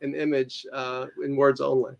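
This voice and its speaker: A man with a New York accent, a guest author and teacher, talking fast and explaining with examples in a casual interview. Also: medium pitch, flat delivery, creaky, darkish tone, lo-fi sound.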